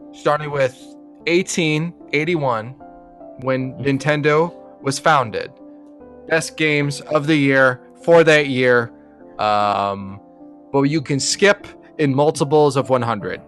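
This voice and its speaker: A man co-hosting a comedy podcast, delivering absurd bits in a deadpan, mock-earnest way. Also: mid-range voice, slow, faint music behind. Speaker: podcast co-host. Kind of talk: casual comedic chat.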